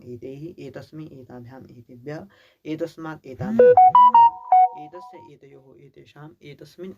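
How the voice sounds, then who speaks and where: A man with a gravelly, husky voice teaches a grammar lesson. He chants long lists of word forms in an even rhythm and stops now and then to explain them in Hindi. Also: mid-range voice. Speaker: Sanskrit teacher.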